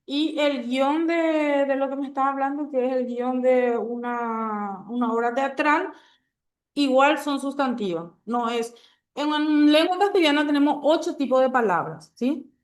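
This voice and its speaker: A woman's voice: sits high, unhurried. A woman teaching a grammar lesson to a class, patient and checking understanding often.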